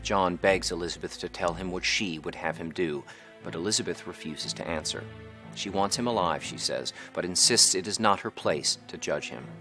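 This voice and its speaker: Low-voiced man narrating a summary. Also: moderate pace, bright, forceful tone. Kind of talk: scripted plot summary narration. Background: faint background music.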